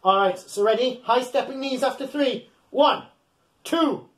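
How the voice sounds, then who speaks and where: In a small room at home, a man in his thirties leads an interactive picture-book session for kids, his very high voice moving a little slowly. Playful and over the top, he speaks right to the children, encourages them, and acts along with lively gestures.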